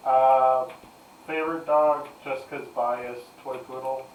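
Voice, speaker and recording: A man chatting casually during a game session, relaxed and playful. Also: mid-range voice, slow, narrow, tinny audio. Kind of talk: casual gaming chat. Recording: echoey, distant, faint noise.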